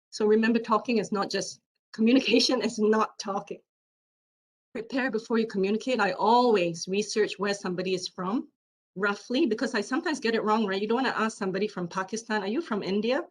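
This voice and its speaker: A woman giving a keynote presentation online, speaking loudly by habit and repeating her points for emphasis. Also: medium pitch, rough recording. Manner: animated, repeats herself for emphasis.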